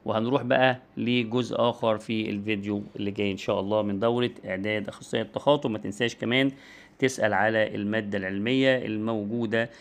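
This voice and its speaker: A man's voice: on the low side, steady tone, rapid-fire, vocal fry. A man with an Egyptian Arabic accent giving an online lecture and demonstrating speech sounds as he explains.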